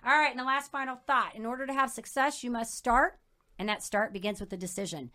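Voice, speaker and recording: Bubbly, high-voiced woman podcast host. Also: fast talker, bright, forceful tone. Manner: bubbly and enthusiastic, laughing often. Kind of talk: casual interview chat.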